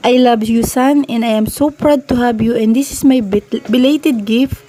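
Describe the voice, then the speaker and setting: A woman voicing an adult husband in a romance story, a remorseful, doting man who speaks earnestly and gently. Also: on the high side, unhurried.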